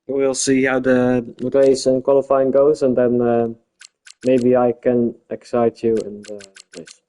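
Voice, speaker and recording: Commentating an online race league live stream in English, a Dutch-speaking man hesitates and hunts for words, filling gaps with many fillers, and describes his own voice as a bit boring. His voice is mid-range, level, and mellow.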